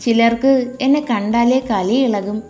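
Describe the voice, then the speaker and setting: A woman voicing a humble, kindly old housemaid who speaks gently and meekly in a storybook. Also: a little high, unhurried, faint music behind, close to an everyday voice. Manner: gentle, meek.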